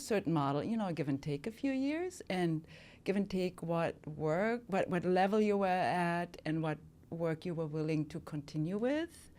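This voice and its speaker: Appearing as a podcast guest in a casual interview, a German model in her fifties talks reflectively and hesitantly, using many fillers. She has a lowish, slightly mellow voice.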